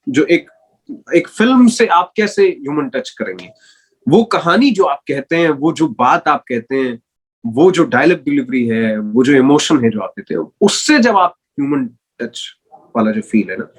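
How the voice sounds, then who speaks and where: A young man, a radio jockey, answering rapid-fire interview questions in a rambling, casual way, dropping in English words. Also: a little high, sing-song, husky, low-quality recording. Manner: rambling, self-correcting, mixes in English words.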